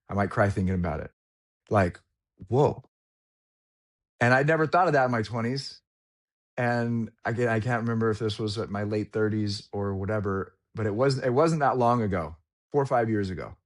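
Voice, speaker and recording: Podcast guest, forties male, lower register, earnest and reflective with casual asides. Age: 40s. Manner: candid, reflective storytelling with slangy asides.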